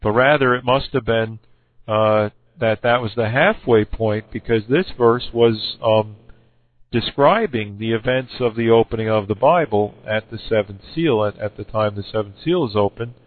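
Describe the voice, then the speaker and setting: A man arguing over scripture with a halting, self-correcting delivery full of fillers. His voice is going hoarse. The sound is dry and tinny, like a phone line. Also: on the low side, no echo. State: losing his voice. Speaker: Bible debater. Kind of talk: recorded argument addressed to another person.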